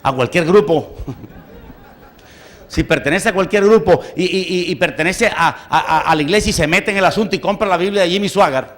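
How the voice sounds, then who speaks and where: Emphatic preaching man, fairly high voice. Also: fairly quick. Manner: emphatic, swings from loud to hushed, frequent interjections of praise. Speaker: pastor. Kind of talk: sermon.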